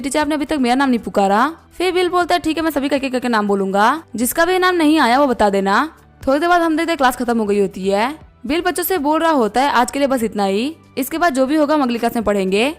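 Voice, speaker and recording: A woman narrating a story recap, reading every character's lines in her plain voice. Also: high-pitched. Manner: reads all dialogue in her plain voice. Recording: faint background music.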